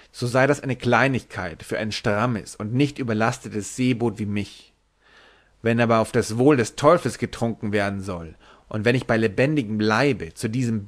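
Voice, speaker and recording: A man's voice: mid-range voice, close to an everyday voice. A man voicing a short, drunken sailor who is brash, giggly and rambling.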